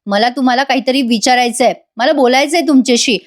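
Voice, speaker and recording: A woman reading the lines of a defiant grown daughter who loudly confronts her father. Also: high-pitched, brisk, natural voice. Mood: confronting. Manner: loud and confronting.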